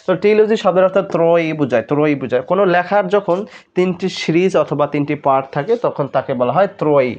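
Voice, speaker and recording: A male Bangladeshi Bengali admission test tutor with a notably high, darkish voice speaks fast with lively intonation, solving exam questions step by step. He explains, asks rhetorical questions and checks with "right?" before moving on. The lo-fi recording sounds dull, its top end muffled.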